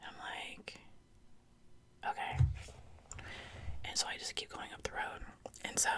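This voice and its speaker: Woman whispering close in the ear, ASMR. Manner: chatty, informal, conversational asides. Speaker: ASMR creator telling personal stories. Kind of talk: whispered ASMR storytelling, casual. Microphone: close ear-to-ear ASMR microphone.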